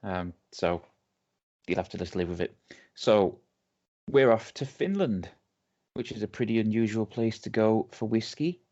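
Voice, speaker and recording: A man with an English accent and a fairly low, slightly mellow voice talks at a measured pace, pausing often, on dull lo-fi audio. He's a podcast co-host telling a distillery's story in a rambling, chatty way, with many ums and restarts.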